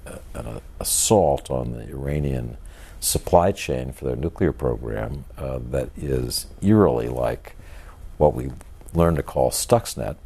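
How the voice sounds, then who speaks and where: An older man reflects on his work in an interview. His voice is very deep and mellow, with a husky grain. He talks in a monotone, halting, thoughtful way, measuring out his phrases. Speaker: author and journalist being interviewed.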